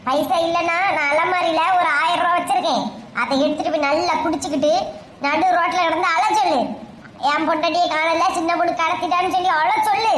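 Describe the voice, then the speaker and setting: A woman's voice: very high-pitched, a bit bright, roomy sound, a little hiss or hum. A woman with a Kanyakumari Tamil accent playing a scheming, scolding mother who has faked her own kidnapping. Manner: bossy and scolding.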